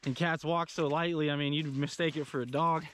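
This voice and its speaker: A man's voice: fairly high pitch, fairly even intonation, fairly quick, a bit bright, a little hiss or hum. A plain-spoken man with a Californian accent, walking and talking to camera in snowy mountain woods, out of breath as he gives tips. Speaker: outdoor vlogger.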